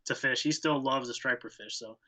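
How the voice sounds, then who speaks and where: A young man from Connecticut answers interview questions in a laid-back, plain-spoken way. His voice sounds bright, and his answers are short and simple. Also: mid-range voice, a little fast, rough recording. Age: young adult. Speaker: guest angler.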